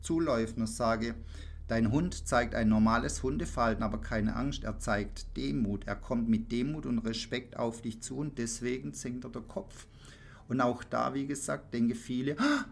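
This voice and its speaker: A man working as a dog trainer, talking bluntly and emphatically in a casual podcast chat, acting out his clients in quick back-and-forth. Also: medium pitch, fairly even intonation, creaky.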